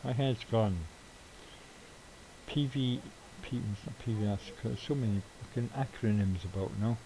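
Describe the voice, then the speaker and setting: This middle-aged man's casual gaming stream is full of rambling talk, offhand swearing and laughs at his own jokes. He speaks at a moderate pace in a mid-range voice, with crowd noise behind him and poor audio.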